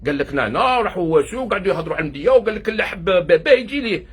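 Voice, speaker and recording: A man with an Algerian accent rants in a grieving, near-tearful monologue, and his words pour out at a breakneck pace. His voice is rather high and very breathy and husky, and he keeps switching between Arabic and French. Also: big pitch swings, racing, fairly bright tone. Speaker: doctor working abroad. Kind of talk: emotional video monologue. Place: hospital workplace.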